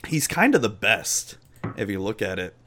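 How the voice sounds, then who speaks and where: A man's voice: on the low side, big pitch swings, moderate pace, a bit bright, slight background noise. A man co-hosting a casual podcast chat, laid-back and joking, often trailing off with fillers. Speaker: podcast co-host. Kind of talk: casual chat about a card game.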